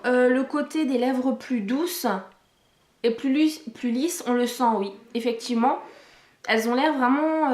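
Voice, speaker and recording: A woman's voice: a little high, a little mellow, echoey room. A woman chatting casually through a product review vlog, talking with many fillers and restarts into a camcorder microphone.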